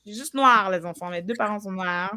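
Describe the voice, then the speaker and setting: A woman's voice: medium pitch, brisk, bright, forceful tone, clean tone. A young woman with a Québécois French accent hosting a podcast, chatting casually and acting out dialogue with playful asides. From Quebec. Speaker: podcast host. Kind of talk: casual chat.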